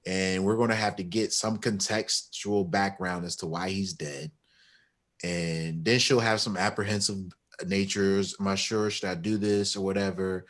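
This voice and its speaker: A man's voice: sits low, fairly even intonation, normal speed, a bit bright. A man co-hosting a podcast, chatting casually, joking and acting out quotes in funny voices. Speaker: podcast co-host. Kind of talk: casual chat.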